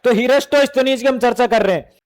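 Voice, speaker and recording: A man's voice: very high voice, fast. A man teaching a classroom lesson to exam students, asking questions and answering them himself, calling the students beta and bhai.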